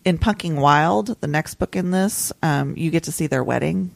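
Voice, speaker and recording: A woman's voice: deep voice, normal speed, gravelly, dry recording. A woman co-hosting a casual podcast, rambling and giggly with lots of "like". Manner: rambling, full of "like" and restarts, giggly. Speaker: podcast co-host.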